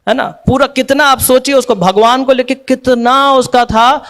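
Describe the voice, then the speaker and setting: A man giving a devotional talk in a relaxed, conversational way, with a strikingly high-pitched voice. He explains through everyday examples and keeps turning to his listeners for agreement. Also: normal speed. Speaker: devotional speaker. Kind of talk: devotional lecture.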